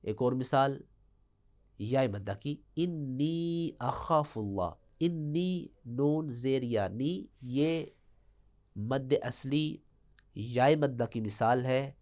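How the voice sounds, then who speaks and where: A man with a Pakistani Urdu accent teaching a tajweed lesson. He explains step by step and draws out example words slowly in a chanting recitation. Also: medium pitch, dark tone.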